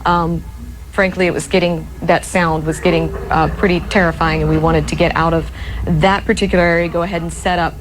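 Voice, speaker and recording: Low-voiced woman anchoring live storm news. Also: little pitch movement, brisk, music in the background, rough recording. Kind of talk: live breaking-news ad-lib. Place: TV newsroom, indoors. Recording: clear background noise, ambient sound.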